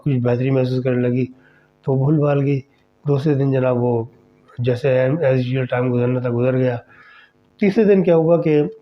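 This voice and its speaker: A man tells a horror story in a conversational, animated way, as a podcast host. His voice sits at an ordinary middle pitch. The audio is slightly dull and muffled.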